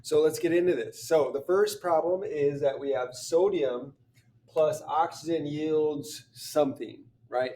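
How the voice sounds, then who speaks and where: A man working through chemistry practice problems, thinking aloud, often clearing his throat and restarting sentences. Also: on the high side, unhurried, dark tone, recorded from a distance. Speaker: chemistry teacher.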